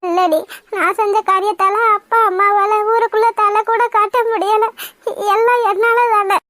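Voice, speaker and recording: A woman's voice: extremely high pitch, flat delivery, normal speed, a bit bright, no room sound, clean studio sound. A woman voicing a remorseful young village woman in a cartoon, speaking in sobbing, self-blaming pleas. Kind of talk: cartoon voice acting.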